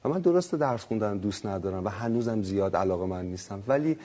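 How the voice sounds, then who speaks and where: A man, telling his life story casually, lively and self-mocking, often laughing. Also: on the low side. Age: 30s. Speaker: guest.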